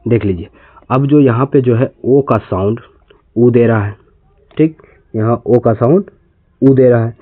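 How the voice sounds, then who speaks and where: A man's voice: medium pitch, measured pace, long pauses, dry recording. A man from India teaching an English reading lesson, spelling words letter by letter and repeating them patiently. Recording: tinny, phone-like lo-fi sound.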